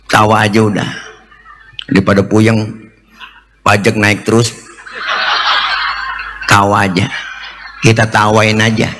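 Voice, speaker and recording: A man's voice: medium pitch, bright, forceful tone, a little hiss or hum. A man delivering a comic sermon to a congregation, teasing the audience and acting out the voices of the people in his stories. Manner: jokey, teasing, acts out quoted voices. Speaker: preacher. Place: mosque gathering.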